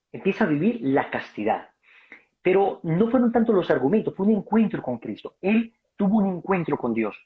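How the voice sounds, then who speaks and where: A man giving passionate, preaching-style answers on a video call, emphatic and acting out dialogue. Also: a little high. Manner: emphatic, acts out dialogue, addresses listener as brother. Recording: dull lo-fi video call audio.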